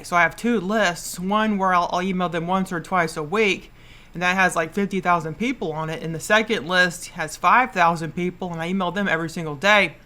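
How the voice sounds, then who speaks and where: Hosting a solo podcast, a late-thirties woman gives advice in a loose, repetitive manner, often stumbling over her words. She has a lowish, slightly bright voice.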